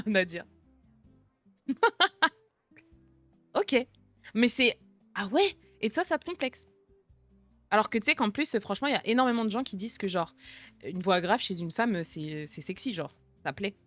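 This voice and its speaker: A young woman streamer, talking in a relaxed, slangy way. She answers viewer messages and mixes reassurance with jokes. Soft music plays faintly behind her voice. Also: medium pitch, normal speed, dry recording. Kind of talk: casual chat reading out viewer messages.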